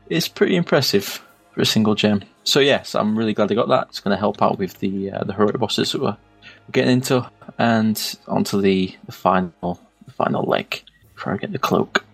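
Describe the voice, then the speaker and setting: A man's voice: fairly low pitch, normal speed, vocal fry, breathy edge, faint music behind. A man with a northern English accent co-hosting a casual gaming podcast, easygoing and a little hesitant, laughing at himself. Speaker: podcast co-host.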